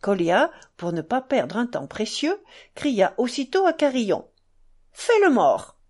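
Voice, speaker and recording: A woman narrating a literary audiobook in an expressive, measured storytelling manner. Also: fairly high pitch.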